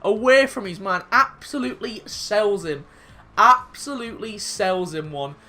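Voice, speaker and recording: Excitable swearing man commentating his own game. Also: high-pitched, measured pace. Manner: excitable, swears, bursts into shouts at goals. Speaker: gaming YouTuber. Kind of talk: live football game commentary.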